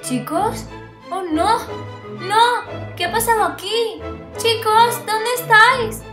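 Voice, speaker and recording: A woman's voice: very high voice, slow pace, pitched above the performer's own voice. A woman voicing an earnest young boy who leads puppies in a toy-play story for children. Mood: alarmed. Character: earnest young boy, leader of rescue pups. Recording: roomy echo, music behind.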